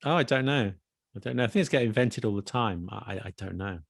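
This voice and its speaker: A man's voice: on the low side, fairly quick, creaky, no echo. A man co-hosting a casual podcast chat, quizzing his co-host on slang in a playful, dry manner.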